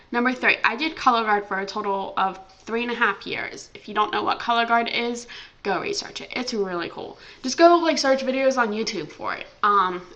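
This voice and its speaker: A woman's voice: mid-range voice, pushed and bright, poor audio. A young American woman vlogging casually at home, chatty and full of ums and likes. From United States. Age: young adult. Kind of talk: casual chat.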